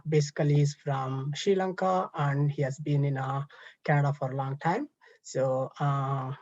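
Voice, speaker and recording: Man, panel host, husky and monotone, hesitant, dull dry call audio. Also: on the high side, no room sound. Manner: hesitant, stumbling with fillers. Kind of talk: hosting an online panel. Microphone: video call.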